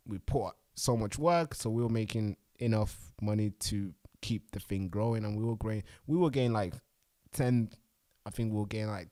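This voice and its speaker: Animated swearing man ranting on a livestream. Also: lowish voice. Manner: animated, swearing, swings from mutters to loud outbursts. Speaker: livestream host. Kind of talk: casual livestream rant.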